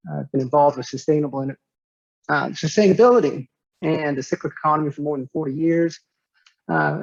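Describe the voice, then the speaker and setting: A man gives an online business presentation over a video call. His voice sits a little high for a man, and he speaks in a measured way, with many "uh" fillers and restarts. The audio is dull and dry, with no room sound. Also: vocal fry, no echo. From United States, Nevada. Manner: measured, with frequent "uh" fillers and repeated words. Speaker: guest speaker, company director.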